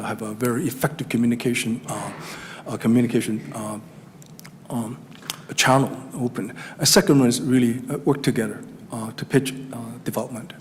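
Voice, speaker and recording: A middle-aged man with a Chinese accent giving a formal presentation to a town council, speaking hesitantly with many fillers and restarts. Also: medium pitch. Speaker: regional economic development presenter. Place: council chamber. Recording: hall reverb with faint room noise.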